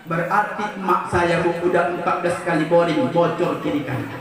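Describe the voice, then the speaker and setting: High voiced preacher guy w/ north sumatran malay accent, jokey, far from the mic, crowd loud-ish. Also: fairly quick, a little hiss or hum. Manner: animated, teasing, quizzes the audience. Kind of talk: humorous sermon to a live audience. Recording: echoey hall, far mic, live crowd.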